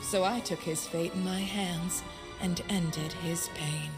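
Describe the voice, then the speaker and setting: A somber witch from a fantasy game, in a lowish, subdued voice. She confesses with quiet, grieving resolve over clear music. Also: fairly even intonation, takes it slowly. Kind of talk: video game voice acting.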